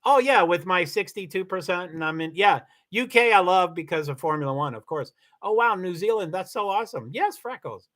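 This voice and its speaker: A Kentucky man hosts a casual livestream, reading viewer comments and chatting loosely with his audience. His voice is high, expressive and a bit bright, moving a little fast with hardly any pauses, and he rambles, often stopping to correct himself.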